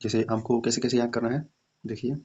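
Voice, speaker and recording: A man in the middle of a lesson, patiently explaining and repeating words slowly for learners. He keeps checking in with his listeners as he goes. The recording sounds a little dull and lo-fi. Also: mid-range voice, level tone, darkish tone, husky. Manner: repeats "ठीक है" often, slow drilled repetitions. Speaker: German language teacher.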